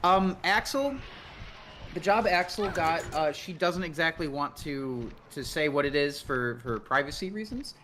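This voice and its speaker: A man's voice: a little high, animated, measured pace, a bit bright, a little hiss or hum. Hesitant man chatting on a game stream. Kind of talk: casual stream chat.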